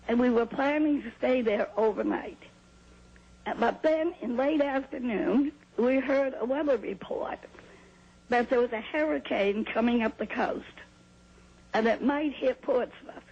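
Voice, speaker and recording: A woman's voice: a little high, unhurried, husky. Older woman on a dull old VHS tape. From New Hampshire, USA. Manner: calm, plain storytelling with small laughs and restarts. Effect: old VHS tape sound. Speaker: interview guest. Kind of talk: recounting a personal experience in an interview.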